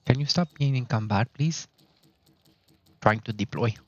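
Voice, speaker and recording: A man's voice: medium pitch, measured pace, dry recording, highs cut off. A man with a Quebec French accent chatting casually to his stream while playing, with frequent restarts and self-corrections. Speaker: gaming streamer. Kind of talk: casual live-stream commentary.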